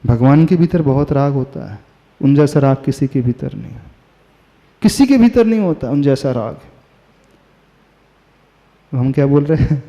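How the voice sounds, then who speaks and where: A man, a Jain monk, delivering a devotional sermon, asking his listeners questions and chanting verses slowly. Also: medium pitch, animated, dark tone. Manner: slow, asks the audience questions. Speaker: Jain monk giving a discourse. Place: hall with listeners. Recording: reverberant hall, dull lo-fi sound.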